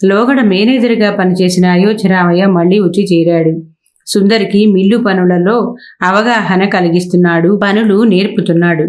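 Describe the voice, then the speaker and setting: A woman narrating a serialized novel as an audiobook in a steady, measured storytelling manner. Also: medium pitch.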